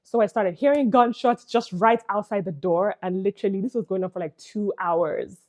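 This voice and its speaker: A young woman vlogger with a Nigerian English accent tells a personal story to camera, chatting casually and leaning heavily on "like" and "you know." Her voice is mid-range and darkish, at a normal speed, and she laughs between phrases.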